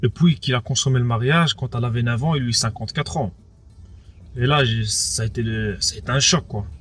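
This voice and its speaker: Over soft background music, a young Frenchman of Moroccan background tells a personal testimony fairly quickly in a mid-range, slightly bright voice. He also speaks Arabic as a first language, and as the interviewee he hesitates, repeats himself and relies on "entre guillemets" and "quoi".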